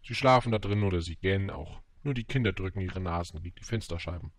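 A man's voice: low voice, fast talker. A man voicing a weary railway switchman in an audiobook, speaking in a dry, matter-of-fact way.

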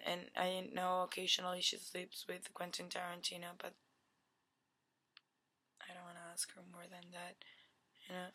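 A woman in her twenties giving a deadpan comic pitch on a webcam in a dim bedroom, rambling with lots of "like" and "you know". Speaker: vlogger. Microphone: webcam at desk.

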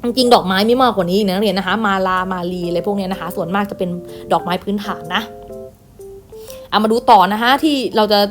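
A woman teacher giving an online lesson to primary pupils, reading words aloud one by one and gently repeating them. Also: mid-range voice, fast talker, faint music behind. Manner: patient, reads each word aloud and repeats with gentle "na kha" tags. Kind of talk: online class lesson, reading word lists.

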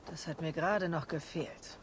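A woman's voice: low voice, normal speed, a little hiss or hum, close to an everyday voice. An actress playing a stern, dry-witted Viking warrior woman in a video game. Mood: dry, annoyed. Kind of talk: video game character dialogue.

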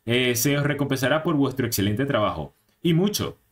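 A man's voice: mid-range voice, expressive, brisk, lightly acted. A man voicing a fussy male parrot foreman who gives orders in a formal, announcing way. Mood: bossy.

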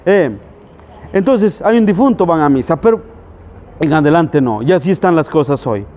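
Guatemalan priest, man, chatty preacher with a higher voice; muffled take. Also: expressive, moderate pace, a little mellow. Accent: Guatemalan Spanish. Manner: folksy and conversational, with rhetorical questions. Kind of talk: preaching on a psalm.

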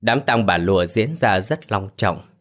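Casual: guy with a really deep voice telling a creepy ghost story, slow and serious. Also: expressive, fairly bright tone. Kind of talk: scripted ghost story narration.

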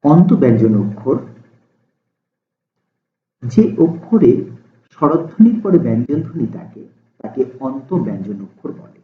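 A male teacher speaks at a steady medium pitch, slow and deliberate as he explains, drawing out example sounds one by one. His voice comes through thin and phone-like. The room behind him rings with echo. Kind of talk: explanatory lesson. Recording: tinny, echoey phone-like sound.

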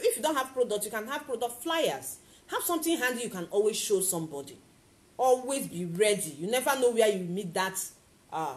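A woman coaching on network marketing in a motivational talk to camera, animated and acting out little scenes. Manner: animated, acts out little scenes with big pitch jumps.

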